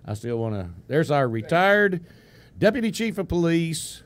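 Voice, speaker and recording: A man's voice: a little high, big pitch swings, moderate pace. A man hosting a live morning radio show in a studio, chuckling through loose, ad-libbed introductions of a guest. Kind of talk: casual live radio banter. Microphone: studio microphone with headphones.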